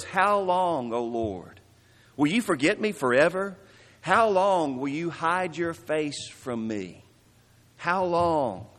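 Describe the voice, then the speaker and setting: A man preaching a sermon earnestly, slowing down to stress quoted lines. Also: a little high, a bit bright. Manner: earnest, slows for emphasis on quotes. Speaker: pastor. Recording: long reverb of a large hall.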